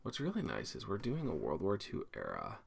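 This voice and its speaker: A man teaching software via screen recording explains steps informally and thinks out loud as he goes, indoors at his computer. His low-pitched voice is gravelly and husky, a little fast, with huge pitch swings.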